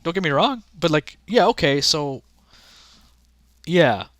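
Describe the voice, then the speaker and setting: Young guy streaming, rambly and chatty, bright lively voice, dry close mic. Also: a little high, slow pace, no room sound. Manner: rambling, chatty, talks to chat. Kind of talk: casual livestream chat.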